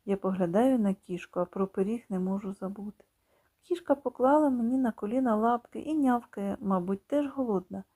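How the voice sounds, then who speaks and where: A woman reading a children's story in slow, expressive scripted narration, sometimes dropping to a whisper. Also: mid-range voice, breathy edge. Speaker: audiobook reader.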